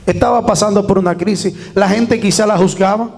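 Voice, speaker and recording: A man's voice: sits high, steady tone, fairly quick, a little mellow, in a large hall. A man preaching a sermon as pastor, fervent, with call-and-response to the congregation, recorded in a church.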